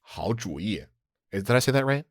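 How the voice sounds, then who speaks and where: A man's voice: on the low side, sing-song, moderate pace, no echo, clean studio sound. A man hosting a language podcast, explaining slang step by step in a casual, laughing way. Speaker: podcast host teaching slang. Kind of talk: casual teaching chat.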